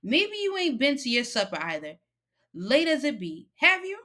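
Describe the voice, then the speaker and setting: Reading a story aloud, a woman voices a stern but caring older woman, scolding firmly, emphatically and in a folksy way with indignation. She uses a full character voice pitched above her own: high, sharp-toned, with big pitch swings at a moderate pace.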